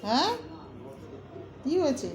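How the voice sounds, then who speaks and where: A woman's voice: sits high, sing-song, takes it slowly, soft background music. A woman talking casually to her pet dog, coaxing and scolding it in a sing-song voice. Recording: echoey room with clear background noise.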